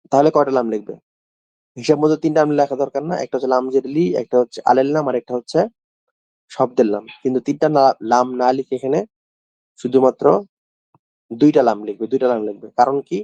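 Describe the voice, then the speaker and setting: A man's voice: mid-range voice, dark tone, dry recording. A man teaching an Arabic class. He repeats key phrases and asks the class questions. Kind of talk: classroom lesson.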